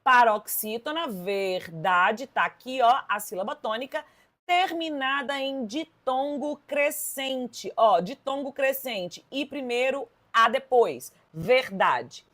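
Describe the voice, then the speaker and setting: A woman with a Brazilian Portuguese accent teaching an exam-prep grammar lesson, lively and emphatic, talking straight to her students. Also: a little high, takes it slowly.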